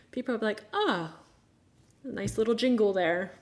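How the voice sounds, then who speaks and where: A woman's voice: medium pitch, expressive, slow. A woman in her thirties from the United States, hosting a casual live chat, talking frankly with exasperated, sarcastic asides. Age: 30s. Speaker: livestream host.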